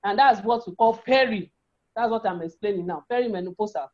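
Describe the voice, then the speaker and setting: A woman's voice: mid-range voice, a little fast, a little mellow. A woman with a feminine voice giving an explanatory health talk as an educator, often repeating and rephrasing her points. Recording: dull, lo-fi sound.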